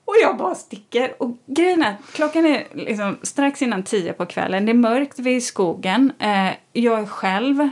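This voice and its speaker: A woman in casual conversation, telling a personal story in a lively way and acting out what people said. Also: on the high side, few pauses. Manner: animated storytelling, acts out quoted lines. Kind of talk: casual chat.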